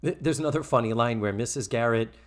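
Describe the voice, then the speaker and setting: A man's voice: medium pitch, fast. A man hosting a casual podcast, chatty and acting out quoted lines from an old sitcom. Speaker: podcast host.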